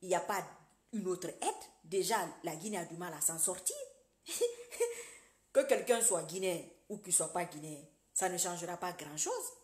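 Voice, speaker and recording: A woman holds forth on politics to her online audience, casually but preachily, her animated talk swinging between forceful outbursts and quiet mutters. Her pitch is fairly low, her pace moderate, and there's reverb on the recording.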